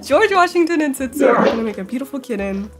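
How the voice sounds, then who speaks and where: A young woman giving casual, bubbly commentary on a Minecraft build, giggling often and squealing when excited. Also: sits high, fast, background noise. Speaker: Minecraft YouTuber. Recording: loud music bed behind voice. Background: loud background music.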